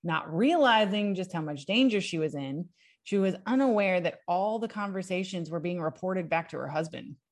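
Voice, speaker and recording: A young adult woman, a podcast co-host, excitedly recounting history from notes in a casual chat, prone to giggles. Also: fairly low pitch, normal speed.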